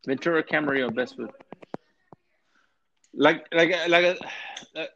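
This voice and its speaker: Casual chat guest: man, thirties, slightly high voice, stammers and cusses freely. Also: unhurried, pushed and bright, highs cut off, slight background noise. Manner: profane, stammering, repeats words. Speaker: podcast guest.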